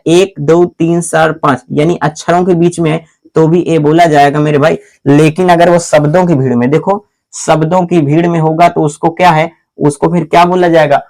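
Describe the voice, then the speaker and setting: A man with a fairly high voice teaches grammar in a drilling, repetitive classroom manner. He keeps asking the same question and answering it himself, and he often calls the listener "my brother." He also spells words out letter by letter at a slow pace. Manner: repetitive call-and-response questioning, answers his own questions; addresses the viewer as "my brother". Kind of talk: classroom-style grammar lesson.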